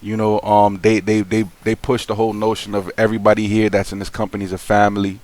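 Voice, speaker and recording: A young man with a somewhat low voice speaks straight to his viewers in an unscripted vlog. His talk is loose and slangy, full of fillers and restarts. He sounds frank and aggrieved as he airs his complaint. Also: completely flat delivery, quick pace, a little mellow. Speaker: vlogger. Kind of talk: casual vlog monologue.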